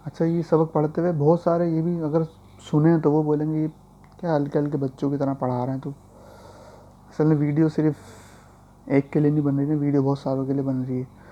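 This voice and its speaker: A man teaching Quran reading in a slow, patient spoken lesson, spelling out letters and repeating each rule. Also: a little high, little pitch movement, dull audio.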